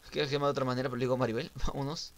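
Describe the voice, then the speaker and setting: A young man streaming a game, giving casual live commentary that swings from muttering to sudden shouts and sing-song teasing. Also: mid-range voice, level tone, very fast, slight background noise. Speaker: gaming streamer.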